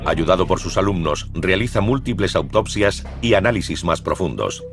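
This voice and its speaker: A man narrating a nature documentary in a scripted, measured, suspenseful storytelling manner. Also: sits low, lively intonation, music in the background.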